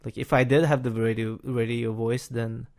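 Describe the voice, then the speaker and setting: A man's voice: mid-range voice, fairly even intonation, normal speed, a little mellow. A man hosting a casual podcast chat, talking hesitantly with frequent fillers and restarts and chuckling as he talks. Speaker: podcast host.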